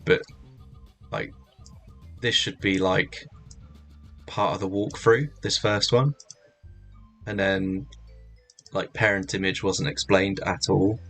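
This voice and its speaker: Gravelly low-voiced man rambling on a stream. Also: bright, forceful tone. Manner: rambling, halting, lots of "like" fillers. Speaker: streamer walking through a hacking challenge. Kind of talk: casual livestream commentary.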